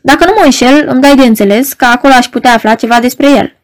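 Reading aloud for an audiobook, a woman uses a natural, high-sitting voice and a steady tone. Her character is a proud married woman in distress who speaks urgently, pleading and agitated.

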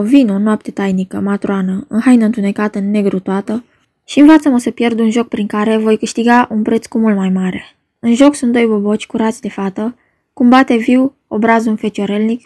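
A woman's voice: a little high, darkish tone, no echo, clean studio sound, natural voice. A woman reading the part of a young girl longing for her beloved, in lyrical verse. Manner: lyrical, yearning delivery. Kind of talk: dramatic reading of a play.

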